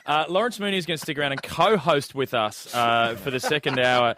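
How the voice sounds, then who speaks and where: Fast-talking Australian radio host. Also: male voice, medium pitch, pushed and bright. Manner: brisk, jokey presenter patter. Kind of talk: breakfast radio banter. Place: radio studio. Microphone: close studio mic.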